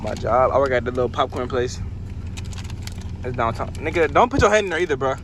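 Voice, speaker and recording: A man chatting and teasing friends in slangy, animated vlog talk. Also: mid-range voice, quick pace, background noise. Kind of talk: casual vlog chat.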